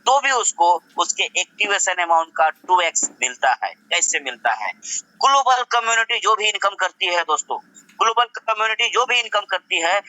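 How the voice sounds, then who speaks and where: A man's voice: fairly high pitch, pushed and bright, no room sound, poor audio. A man presenting a business plan to his audience, asking rhetorical questions and repeating phrases for emphasis. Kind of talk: promotional presentation.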